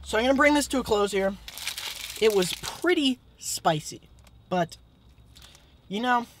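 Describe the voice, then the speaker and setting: A man's voice: sits high, a bit bright. A teenage young man talking casually to camera as a food vlogger, in a hesitant, understated way. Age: teens. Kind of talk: casual vlog chat. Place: inside a car. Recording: clear car interior and traffic noise.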